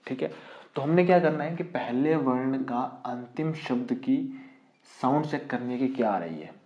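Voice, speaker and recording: A male teacher explains a grammar rule step by step, firing questions at his students and answering them himself. His voice is mellow and dark, and the recording is dull and lo-fi in a roomy space. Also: mid-range voice, lively intonation, normal speed. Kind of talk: online exam-prep lesson.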